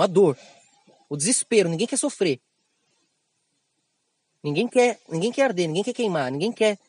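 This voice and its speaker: A man with a Brazilian Portuguese accent giving an esoteric spiritual monologue as a teacher, animated and slangy, acting out other people's words in raised voices. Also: sits high, breathy edge, dry recording.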